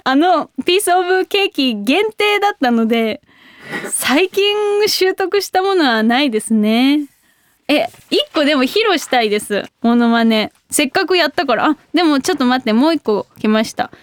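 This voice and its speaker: A young woman hosting a radio show, chatting casually and reading listener mail with bubbly, excitable reactions. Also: sits high, no echo, clean studio sound. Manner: bubbly, excitable, quick exclamations.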